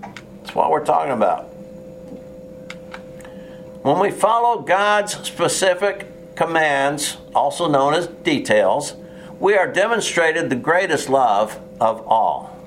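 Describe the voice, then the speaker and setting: A man's voice: on the high side, animated, slow pace, slight background noise. A man preaching a sermon in an earnest, plain way, with touches of sarcasm and frequent restarts.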